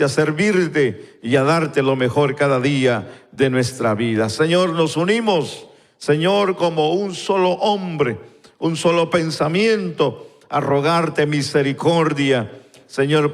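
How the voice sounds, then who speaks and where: A man leading a slow, fervent prayer before a congregation, repeating "Lord" between phrases. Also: on the high side, gravelly. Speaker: pastor. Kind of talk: spoken prayer and sermon. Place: church sanctuary, recorded live. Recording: long church hall reverb.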